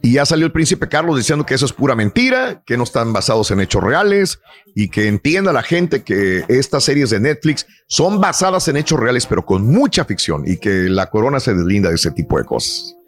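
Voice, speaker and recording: A man's voice: mid-range voice, a little fast, faint music behind. A man hosting a morning radio show, chatting casually and using slang. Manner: chatty, animated, uses slang. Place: radio studio.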